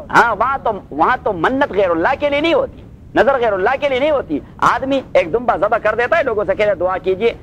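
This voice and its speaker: A male Islamic scholar giving a Quran commentary class, reciting Arabic phrases slowly, then explaining them and checking with his listeners, with English phrases mixed in. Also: high voice, muffled recording, slight background noise. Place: class in Los Angeles.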